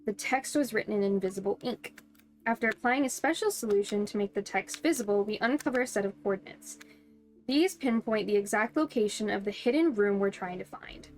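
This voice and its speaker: A woman's voice: medium pitch, brisk, soft background music. A woman streaming a game, reading its text aloud and breaking into bubbly, giggly, playful asides.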